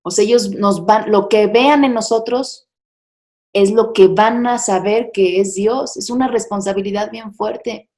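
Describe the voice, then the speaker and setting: A woman's voice: medium pitch, measured pace, darkish tone. Candid middle-aged woman sharing testimony. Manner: candid, confiding, chatty with many fillers. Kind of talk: personal testimony talk.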